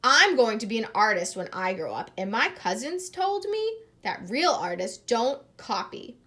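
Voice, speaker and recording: A woman's voice: a little high, very animated, a little slow, a bit bright. A woman voicing an earnest, stubborn first grade boy in a storybook, speaking up emphatically. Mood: determined. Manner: protesting, emphatic.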